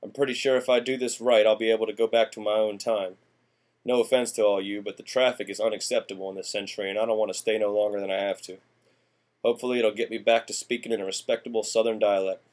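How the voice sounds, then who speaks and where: This male student presenter speaks quickly in a lowish, level, slightly mellow voice close to his everyday one. For a class monologue, he acts as a rambling, folksy 1890s small-town man who drawls country slang.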